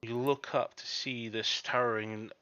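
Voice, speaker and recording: A man's voice: medium pitch, fairly even intonation, unhurried, clean tone. A man narrating a tabletop role-playing game as dungeon master. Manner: descriptive, with shouted quotes of villains. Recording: dull lo-fi mic with faint noise.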